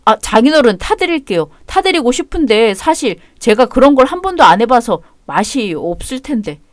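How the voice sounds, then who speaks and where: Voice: medium pitch, big pitch swings, normal speed, no room sound, studio quality, close to an everyday voice. An actor voicing a meek young husband who talks in a nervous, placating way.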